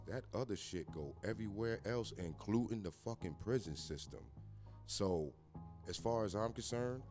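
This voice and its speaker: A man's voice: low-pitched, darkish tone. A man around forty hosting a radio show, ranting in casual, profane talk.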